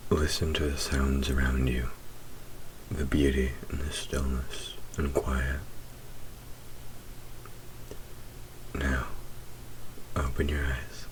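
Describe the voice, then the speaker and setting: In a roleplay audio drama, a man voices a male demon with an extremely deep voice, speaking slowly, intimately and in a level tone. He teases and flirts in soothing, gentle, breathy murmurs that drift into whispers. The audio is poor, with faint noise behind him.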